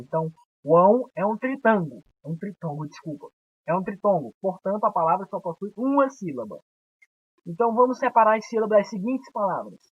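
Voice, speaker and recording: A young Brazilian man gives a recorded grammar lesson, his voice husky and a little breathy. He explains patiently and draws syllables out slowly. The sound is dry and dull, like a lo-fi home recording in a small room. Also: high voice, no echo. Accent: Brazilian Portuguese. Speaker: teacher.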